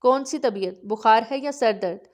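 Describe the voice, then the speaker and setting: A woman narrator voicing a gentle young man who cares for a girl, speaking softly and coaxingly in an audiobook. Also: on the high side, lightly acted. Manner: soft, coaxing.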